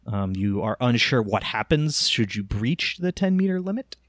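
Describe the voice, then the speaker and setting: A man narrating a tabletop game as game master, explaining rules with many pauses and restarts. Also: mid-range voice, sing-song, a bit bright, dry recording, studio quality. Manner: rambling, many ums and restarts.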